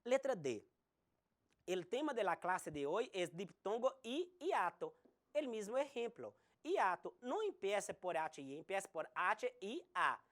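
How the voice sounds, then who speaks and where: Slow, lively-voiced woman teaching Spanish. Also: mid-range voice. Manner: slow, deliberate explanation with spelled-out examples. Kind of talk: recorded online grammar lesson.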